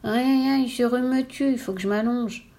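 A woman's voice: a little high, normal speed, creaky, dark tone, voice pushed up. A nasal, groaning man with a head cold, whining and ordering others around in a storybook tale, as a woman reads him. The voice sits raised and pinched, in complaint from start to finish. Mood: whiny. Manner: moaning, demanding. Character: sick whiny thin man with a huge nose.

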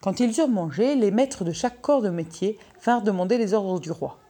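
A woman reading a fairy tale aloud in steady, clear storybook narration. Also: medium pitch, fairly quick.

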